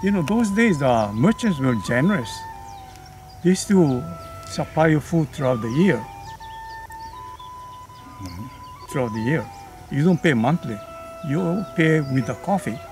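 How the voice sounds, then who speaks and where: A man's voice: fairly high pitch, expressive, unhurried, pauses often, a little mellow, faint music behind. An older man, a museum docent casually reminiscing outdoors on a farm, with folksy asides. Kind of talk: casual storytelling.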